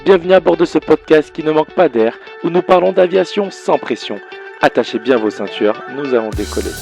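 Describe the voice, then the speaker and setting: A man's voice: a little high, lively intonation, brisk, gravelly, darkish tone. A man playing an airline captain who makes a formal cabin announcement as the podcast intro, in a playful manner. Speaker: podcast host. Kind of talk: mock in-flight announcement as show intro. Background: guitar music.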